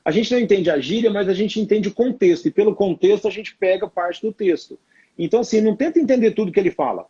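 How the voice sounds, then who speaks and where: A Brazilian man co-hosting a live stream, reading out viewer questions and giving brisk advice, acting out quoted lines of parents and teenagers, on muffled lo-fi audio. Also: high-pitched, animated, dark tone, slightly rough. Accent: Brazilian Portuguese.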